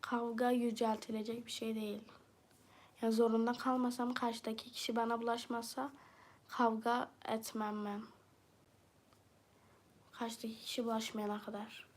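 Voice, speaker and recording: A woman's voice: on the high side, little pitch movement, normal speed, long pauses. Chatty woman streamer with southeastern Turkish accent. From southeastern Turkey. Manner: chatty, reads viewer comments aloud and answers them bluntly. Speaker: livestreamer. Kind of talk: casual livestream chat.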